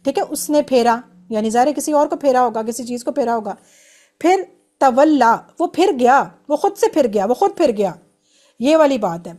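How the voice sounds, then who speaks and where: A woman's voice: high-pitched, expressive, warm tone. A woman teaching an online grammar class, explaining patiently step by step and drilling verb forms.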